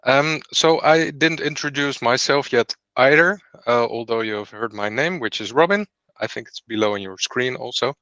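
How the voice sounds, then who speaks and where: A man who founded a startup company hosts an online program presentation on a video call, explaining each step clearly as he goes. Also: mid-range voice, moderate pace, pushed and bright, no room sound, lo-fi sound.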